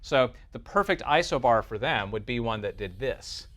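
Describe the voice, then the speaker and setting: He's a teacher with a medium-pitched, slightly bright voice, speaking expressively at a moderate pace. Walking the class through technical material in a relaxed, explanatory way, he checks in with listeners using "right" and "okay."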